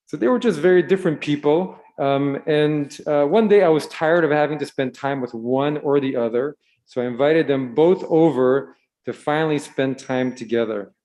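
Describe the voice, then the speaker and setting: A man who was born in Israel gives a gentle, storytelling sermon to children at a Shabbat service and asks them questions along the way. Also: fairly high pitch, normal speed. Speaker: rabbi. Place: synagogue sanctuary.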